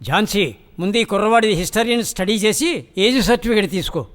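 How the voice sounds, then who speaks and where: A brisk, sarcastic judge. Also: male voice, sits high, fairly bright tone, long reverb tail. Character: brisk sarcastic male judge giving orders. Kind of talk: film dialogue.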